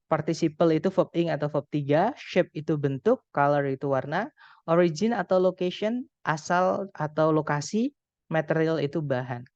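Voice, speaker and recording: A young Indonesian man tutoring an online English grammar class, explaining slowly and patiently with many examples. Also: a little high, a little mellow, no echo. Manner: patient, explains slowly, often addresses students as friends. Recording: dull dry call audio.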